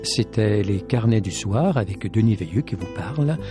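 A man hosting a radio program, reading a story aloud in a measured, dramatic way. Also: on the low side, expressive, over loud music. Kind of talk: scripted story narration.

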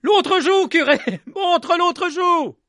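A man voicing hostile villagers who hurl insults in high, loud shouts. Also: slow pace, no echo, clean studio sound, full character voice. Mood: furious. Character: angry shouting village crowd members.

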